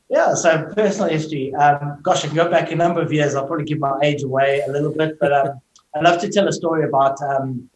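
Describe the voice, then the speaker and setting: A middle-aged South African man, a tech company executive appearing as a guest, answers interview questions over a video call. His voice sits on the high side and moves fairly quickly, fluent and explanatory, peppered with "you know." The recording has a roomy echo.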